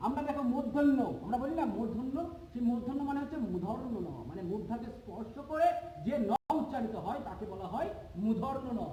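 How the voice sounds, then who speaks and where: Teacher, male, very high voice, patient drilling style, recorded from a distance in a boomy room. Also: expressive, fast talker, warm tone, slight background noise. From Bengal. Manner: patient, repeats points and checks understanding. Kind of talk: classroom lesson. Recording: echoey room, far from mic.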